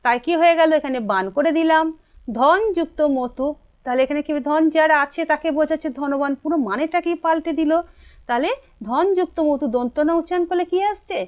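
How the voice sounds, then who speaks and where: A woman's voice: high-pitched, quick pace. A woman with a Bengali accent teaching a grammar lesson, asking her students questions and answering them herself. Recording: dull lo-fi sound.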